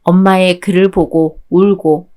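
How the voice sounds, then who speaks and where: A woman narrating a sad story in a calm, measured, subdued way. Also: on the low side. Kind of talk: scripted radio drama narration.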